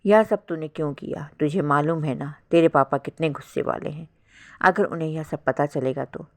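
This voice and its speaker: Brief: woman narrator playing a worried middle-aged mother in a spoken story, anxious and tender, low voice. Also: moderate pace. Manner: anxious, coaxing.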